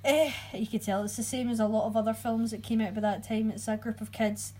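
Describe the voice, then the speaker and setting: A woman's voice: fairly high pitch, fairly even intonation, a little fast, warm tone, poor audio. A woman co-hosting a casual podcast chat, chatty and often searching for her words. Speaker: podcast co-host. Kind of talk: casual chat about horror movies.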